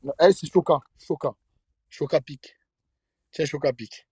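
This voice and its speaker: A husky man hosts a livestream from his phone, riffing in crude, boastful slang. His voice sits a little high for a man. The talk is loose and teasing, like joking with friends. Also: moderate pace, a little mellow, dry recording. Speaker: livestream host. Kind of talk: casual livestream banter.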